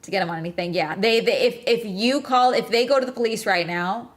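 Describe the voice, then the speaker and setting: A woman's voice: medium pitch, fairly quick. A woman streamer talks loosely over a video she is watching. She rambles, repeats her points and swears casually in a mid-range voice. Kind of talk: casual reaction commentary.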